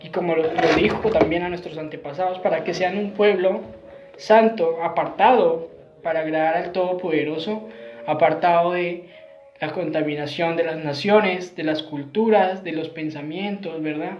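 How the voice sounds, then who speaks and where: This Messianic preacher's voice is on the high side with a darkish tone at normal speed, over slight background noise. He teaches the Bible earnestly, repeating phrases and using frequent tag questions, in roomy, dull lo-fi sound.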